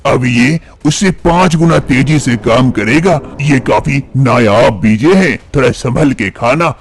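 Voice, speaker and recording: A man's voice: medium pitch, unhurried, a little hiss or hum, close to an everyday voice. A man voicing a cunning old village healer in a cartoon story, talking in a reassuring, sly way.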